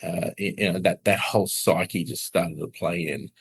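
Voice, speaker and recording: Low-voiced man telling a personal story. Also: fairly even intonation, vocal fry, breathy edge. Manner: halting, earnest storytelling with many restarts and soft laughs. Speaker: podcast guest. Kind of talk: personal testimony in conversation.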